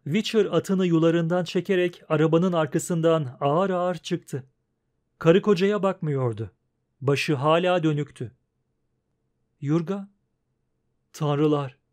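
High-voiced man narrating an audiobook. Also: a little slow, a little mellow. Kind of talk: scripted fantasy narration.

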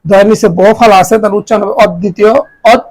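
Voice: mid-range voice, fairly even intonation, fast, a little mellow, poor audio. A teacher giving a grammar lesson, spelling out each word letter by letter and repeating it for the students.

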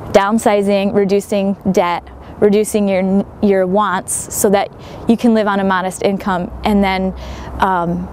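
A woman's voice: mid-range voice, darkish tone, slight background noise. A young woman in her twenties, a sailor and writer, giving reflective interview answers outdoors at a marina, with many fillers and restarts.

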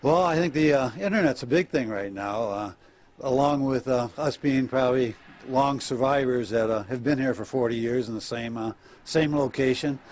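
Older male business owner, halting. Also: medium pitch, darkish tone. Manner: plain, halting talk with many "uh" fillers. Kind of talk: live TV interview. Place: outdoors on an RV lot, then inside an RV. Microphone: reporter's handheld mic.

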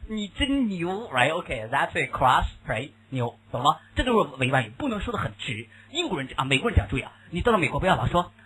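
A man with a Mandarin Chinese accent lectures a class on English vocabulary, switching between Chinese and English. His voice is husky and a bit high, and it swings widely in pitch as he keeps firing questions at his students. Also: sing-song, a little fast, hardly any pauses, a bit bright, poor audio. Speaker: English teacher.

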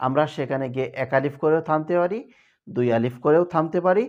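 A man teaching Quran recitation rules in a televised lesson, explaining step by step and chanting verses slowly as examples. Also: on the high side, darkish tone, dull audio.

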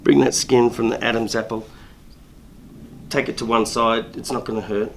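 Inside his barber shop, a middle-aged barber who owns the place demonstrates a shave step by step, explaining while he works and often restarting and repeating words. His male voice is mid-range and level at a normal speed, with a little hiss or hum in the recording.

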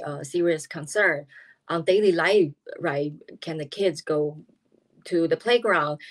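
Taiwanese-accented woman in her fifties, deep for a woman, halting and filler-heavy, interviewed over a video call from home. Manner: halting, searching for words with many fillers. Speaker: interviewee, politician. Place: small room at home, indoors.

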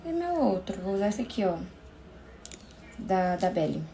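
A woman's voice: medium pitch, very animated, normal speed, gravelly, warm tone, slight background noise. A young woman from Brazil talking casually to her phone in story clips, gushing and emotional, laughing often. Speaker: vlogger.

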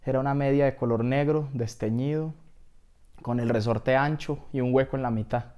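A man telling an absurd comedy story in a deadpan way, as if talking to a doctor. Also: mid-range voice, moderate pace, smooth.

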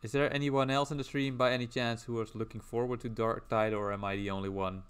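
A man's voice: mid-range voice, level tone, fast, clean tone. A man streaming casually as he draws, rambling and chatting while reading out viewer messages. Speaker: livestreamer.

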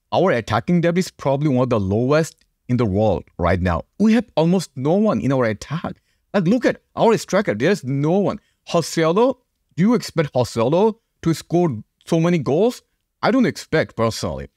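Lively young man reacting on camera. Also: a little high, no echo, clean studio sound. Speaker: fan channel host reacting to clips. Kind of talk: casual reaction commentary. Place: small home studio, indoors. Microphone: podcast mic on a boom.

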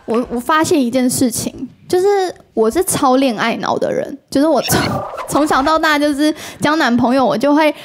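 Taiwanese mandarin lady on a talk show, high voice, acts out every quote as she tells it. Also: normal speed, a little hiss or hum. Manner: animated, acts out quoted dialogue. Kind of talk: casual storytelling.

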